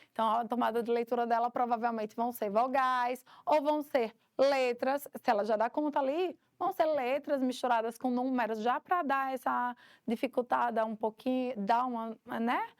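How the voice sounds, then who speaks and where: High-voiced woman giving a teacher-training lesson. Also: no room sound, clean studio sound. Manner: explains step by step, acts out classroom examples. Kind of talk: recorded course lesson.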